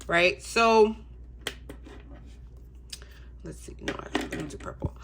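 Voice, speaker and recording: Over heavy background noise, a young adult woman with a congested voice chats with viewers of her budgeting vlog. Her pitch is fairly high and her speed normal, and she sounds relaxed, using plenty of ums.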